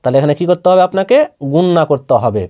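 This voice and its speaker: With a fairly high, mellow voice, a man talks fast and animatedly as he patiently teaches Quran letter reading. His Bangladeshi Bengali accent carries through a slow, spelled-out recitation lesson in which he raises questions and resolves them himself.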